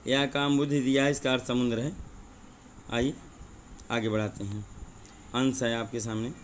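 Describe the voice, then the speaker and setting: A male teacher giving an exam-prep lesson, explaining word pairs slowly and repeating them, often asking rhetorical questions. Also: mid-range voice, little pitch movement, slight background noise. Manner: says 'dekhiye' and 'thik hai' often.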